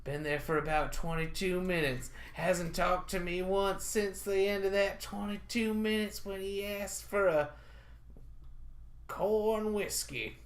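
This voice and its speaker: A man's voice: high-pitched, steady tone, a little slow. A man voicing a folksy saloon bartender with a fake Southern accent, drawling and chatty, in improv comedy. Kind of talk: improv comedy role-play.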